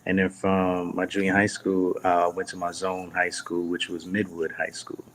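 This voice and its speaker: A man's voice: sits low, completely flat delivery, normal speed, fairly bright tone, slight background noise. A young man, chatting as an interview guest, rambling with lots of fillers and restarts. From Brooklyn, New York. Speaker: guest singer. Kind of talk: casual interview.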